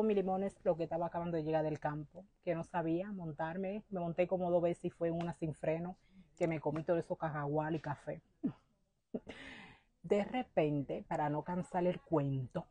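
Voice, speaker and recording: A Dominican woman vlogger telling a rambling, animated story to her viewers, often stopping to address them directly. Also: fairly low pitch, no room sound. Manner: animated, repeats "mi limones" often, restarts and laughs.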